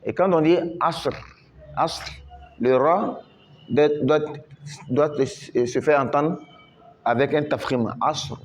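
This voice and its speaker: Over a faint hiss or hum, a fairly high-pitched male voice teaches Quran recitation in French. He takes his time, patiently saying each word over and over and lengthening the recited syllables.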